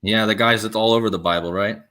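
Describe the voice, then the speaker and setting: Low-voiced hesitant man from Ohio. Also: fairly even intonation, fast talker, fairly bright tone. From Ohio, United States. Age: 30s. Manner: hesitant, full of fillers and restarts. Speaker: host. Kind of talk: casual chat.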